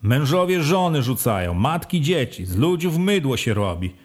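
A man voicing an old, pious wandering beggar who talks slowly and gravely. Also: mid-range voice, sing-song.

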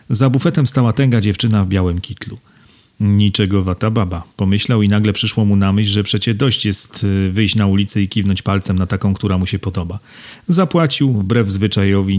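A man narrates a novel aloud in a lowish voice. His reading is steady and measured, in the manner of a scripted audiobook.

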